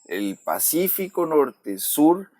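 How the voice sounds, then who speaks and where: A man's voice: a little high, sing-song, slow pace, darkish tone, no echo. Costa Rican man chatting on a podcast, dry sound. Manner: frequent "¿verdad?" tags seeking agreement. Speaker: podcast host. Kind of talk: casual podcast conversation.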